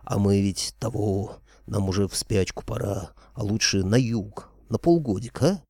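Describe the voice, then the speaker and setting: A man voicing a big, lazy, good-natured three-headed male dragon with a low, rumbling, drawling voice. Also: a little slow, darkish tone, no room sound.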